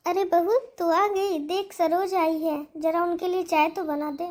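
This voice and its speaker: Woman doing an old cartoon mother-in-law, frail, kind, soft-spoken, pleading, very high voice. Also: steady tone, measured pace. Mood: gentle. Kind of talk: cartoon story voice acting.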